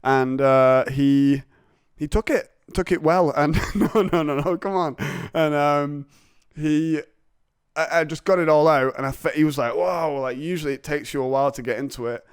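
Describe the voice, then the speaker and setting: A man's voice: on the high side, steady tone, moderate pace, clear, resonant tone, no room sound, studio quality. A man hosting a podcast, chatting in a rambling, jokey, confessional way. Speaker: podcast host. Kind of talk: casual chat.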